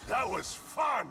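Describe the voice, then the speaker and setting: A man voicing a savage, hungry wolf spirit in a video game, growling and excitable, speaking in blunt bursts. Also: very high-pitched, full character voice. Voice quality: gravelly, growling. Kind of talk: video game character voice acting. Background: music.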